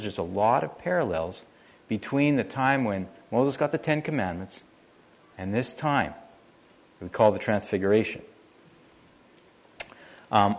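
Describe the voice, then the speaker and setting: A man preaching a sermon in a conversational way, shifting his emphasis often. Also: medium pitch. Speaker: pastor.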